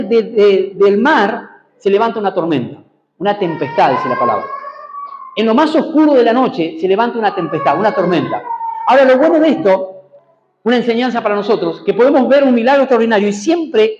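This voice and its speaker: A man's voice: sits high, a little mellow, roomy sound, lo-fi sound. A man preaching a sermon in a church, prompting the congregation to repeat after him and answer amen. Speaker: pastor. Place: church hall.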